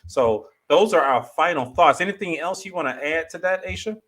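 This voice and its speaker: A man's voice: fairly high pitch, normal speed, a bit bright. A man hosting a talk show as a therapist, giving direct, informal advice in a conversational way.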